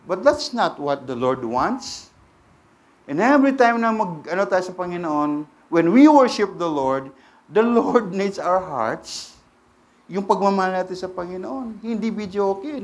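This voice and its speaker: A middle-aged man with a Filipino accent, preaching a lively sermon and asking the congregation questions. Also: high voice, a little slow. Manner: animated, switches between Tagalog and English, asks the congregation questions. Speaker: pastor.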